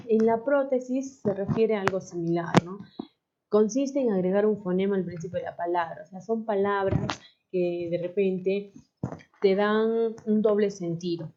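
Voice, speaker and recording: Mellow woman teaching a class. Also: mid-range voice, slight background noise. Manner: patient, asks questions and tags "¿no?" often. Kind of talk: explaining a lesson to a class. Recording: dull lo-fi recording.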